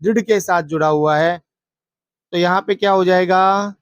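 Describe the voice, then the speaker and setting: A woman's voice: fairly low pitch, steady tone, no room sound, dull audio. Woman teacher walking through exam answers. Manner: asks and answers her own questions; recites verses in a slow chant. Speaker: Sanskrit teacher. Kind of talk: exam paper walkthrough lesson.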